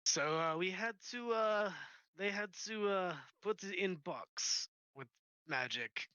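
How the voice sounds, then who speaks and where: A breathless Viking warrior stumbles through a phone call, played by a man. His voice is bright and sharp, his words halting, ungrammatical and slow. He is still catching his breath between lines. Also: high voice, expressive, clean tone, dry recording, exaggerated voice. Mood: winded. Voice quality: broken, ungrammatical phrasing. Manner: hesitant, full of uhs. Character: winded Viking warrior bandmate, clumsy grammar. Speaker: caller on the phone.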